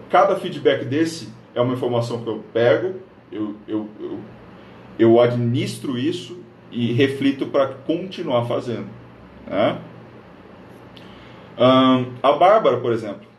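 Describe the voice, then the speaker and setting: Here the northern Paraná man sounds medium-pitched and a little mellow, with slight background noise in an echoey room. On his live stream he coaches viewers about social media, upbeat and direct, talking right to the camera.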